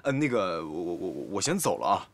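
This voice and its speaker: Playful young man, wildly swooping pitch. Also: big pitch swings, a little fast, noisy background. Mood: curious. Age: 20s. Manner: theatrical, teasing. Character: playful, teasing young male office employee. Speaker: actor in a TV drama. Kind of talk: light comedic TV drama dialogue.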